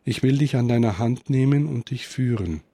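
A man voicing the gentle, forgiving Christ child in a read-aloud Christmas story, speaking softly and calmly. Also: medium pitch, moderate pace, dry recording, natural voice.

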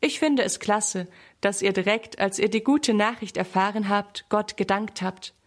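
A woman's voice: mid-range voice, measured pace, close to an everyday voice. Woman reading as a praising dad, encouraging, storybook. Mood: approving. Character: warm, praising father.

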